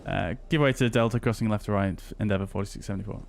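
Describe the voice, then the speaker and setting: A man's voice: fairly low pitch, racing, vocal fry, a little hiss or hum. A man streaming a flight sim on a headset mic, chatting with viewers between pilot radio calls. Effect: livestream headset mic audio.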